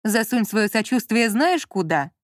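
A sour, hostile woman snapping back down the phone, read by a woman narrator. Her high voice turns flat and curt in a dry room. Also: a little slow, dry recording. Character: rude, resentful woman on the phone.

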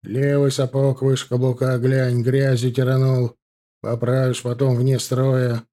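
A stern old cavalry sergeant, as a man puts him on, grumbling and lecturing in a measured, mellow voice at an ordinary pitch. He is strict but fatherly, a storybook veteran who explains things patiently. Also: little pitch movement, close to an everyday voice. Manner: grumbling, instructive. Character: gruff veteran male NCO, stern but caring.

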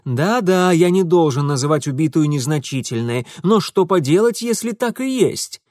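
A man's voice: fairly high pitch, lively intonation, moderate pace, darkish tone, dry recording, voice pushed up, natural voice. A blunt, cocky young man, as a male narrator plays him, firing off short retorts a little raised over the narration. The recording is close and dry. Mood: irritated. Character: brash, reckless young man, curt and cocky.

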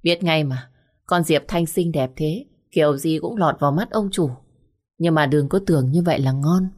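A woman's voice: sits low, moderate pace, a little mellow. A woman voicing spiteful young waitresses who gossip in a snide, catty way.

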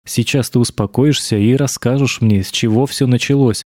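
A man voicing a male lecturer who speaks gently and quietly, calming a distressed girl. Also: medium pitch, normal speed, dry recording, clean studio sound, natural voice. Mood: soothing. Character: male lecturer, soothing then strangely intent.

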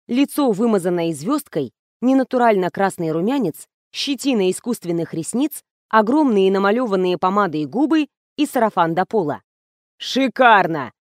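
A woman narrating a comic first-person story in a lively, ironic way, close to the mic. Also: mid-range voice, dry recording. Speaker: audiobook narrator. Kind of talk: scripted narration.

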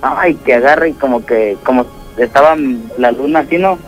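A young man with a Mexican accent calling a radio show to tell a ghost story, rambling and halting with many fillers. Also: medium pitch, faint music behind, poor audio. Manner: rambling, halting, full of "pues" and "¿no?". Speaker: caller.

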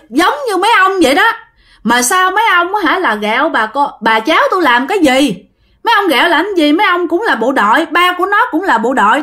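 A stern, indignant old great-grandmother scolds unseen spirits in a high, lively voice that rises and falls a great deal, as a woman storyteller puts her on. She speaks with a reproachful, insistent tone. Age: older.

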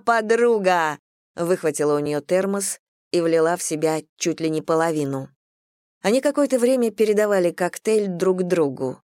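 A woman narrating a novel in an even, measured reading voice. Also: on the low side, no echo, clean studio sound. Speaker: audiobook narrator. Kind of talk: scripted narration.

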